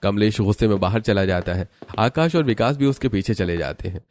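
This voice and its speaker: A man narrating a cartoon story in an even, matter-of-fact way. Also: on the low side, brisk, a little hiss or hum.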